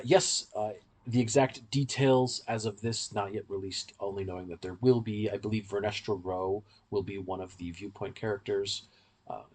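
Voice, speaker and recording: A podcast co-host with a low, somewhat husky and slightly mellow voice explains and analyses casually. He often corrects himself as he talks.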